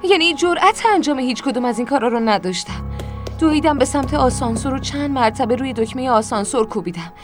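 With music playing behind her, a woman narrates a dramatic first-person story in an emotional voice. Her voice sits high and is expressive, shifting to screaming anger in the dialogue.

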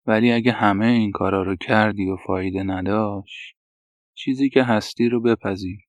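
A man's voice: on the low side, steady tone, no room sound, lightly acted. A man voicing a frank male doctor who gives direct, matter-of-fact advice. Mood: advising. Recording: dull, dry lo-fi recording.

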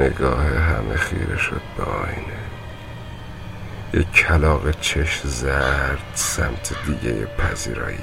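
A man playing a grim storyteller in a horror radio drama, recounting a ghost encounter in a slow, hushed voice that often drops to a whisper. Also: rumbling low, gravelly. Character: grim older man in a hospital, warning a visitor.

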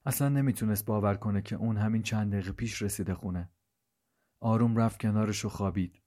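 Low-voiced man narrating a story. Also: steady tone, mellow. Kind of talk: scripted narration.

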